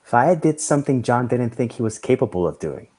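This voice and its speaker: A man reading a story aloud in a measured storytelling manner. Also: mid-range voice, big pitch swings, a little mellow. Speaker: reader.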